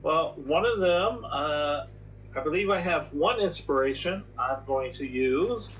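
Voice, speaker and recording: A man playing a tabletop game, slow and deliberate, working through the rules aloud. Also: on the high side, animated, fairly bright tone, distant mic, slight background noise, rough recording. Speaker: player. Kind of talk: casual game talk.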